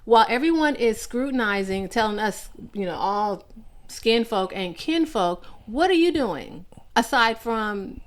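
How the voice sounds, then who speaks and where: A woman's voice: a little high, lively intonation, measured pace. Emphatic woman podcast co-host. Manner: emphatic and opinionated, laughs often. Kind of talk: casual podcast chat.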